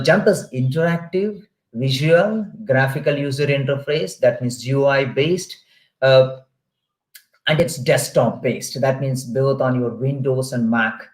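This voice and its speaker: Indian guy giving a webinar talk over a call, explains steady with lots of uhs, echoey room. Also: medium pitch. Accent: Indian English. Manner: steady explanatory, frequent "uh" fillers. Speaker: guest lecturer. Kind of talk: online webinar lecture. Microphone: video call.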